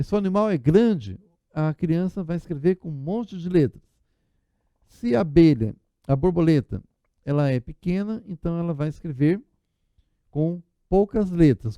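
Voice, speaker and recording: A man's voice: on the high side, creaky, dark tone, dry recording, highs cut off. A man teaching an exam-prep lesson, explaining examples step by step. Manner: explanatory, walks through examples aloud. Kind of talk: recorded exam-prep lecture.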